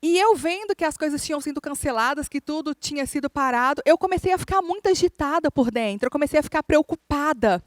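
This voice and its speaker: A woman preaches a sermon, telling a story in an animated way and calling out to her listeners. Her voice sits high, and the recording is dry and close with no room echo. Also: fast, few pauses. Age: adult, married. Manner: animated storyteller, often calls out to the congregation. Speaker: minister. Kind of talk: sermon with personal testimony.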